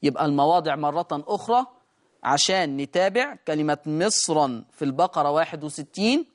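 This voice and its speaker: A man with an Egyptian accent teaching a Quran recitation lesson, drawing out each example word slowly as he demonstrates it. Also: on the high side. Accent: Egyptian Arabic. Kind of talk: recorded tajweed lesson.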